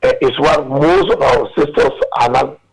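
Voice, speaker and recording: A man calling in to a radio show, giving his view in a hesitant, halting way over a phone line. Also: mid-range voice, creaky, slightly rough. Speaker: caller. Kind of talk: phone-in comment.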